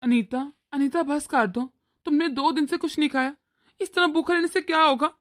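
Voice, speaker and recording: Woman doing an anxious young cartoon husband caught in the middle, high-pitched and pleading. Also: moderate pace, natural voice. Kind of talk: cartoon voice acting.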